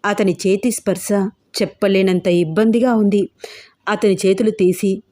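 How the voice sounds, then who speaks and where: A woman storyteller reading a suspense love story in steady, dramatic narration. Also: medium pitch, normal speed.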